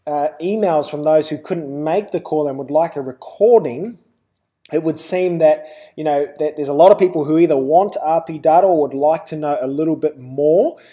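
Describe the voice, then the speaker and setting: Higher-voiced New Zealand man presenting. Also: normal speed, mellow. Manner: loose, peppered with "uh" and "you know". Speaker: webinar presenter. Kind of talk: live webinar presentation.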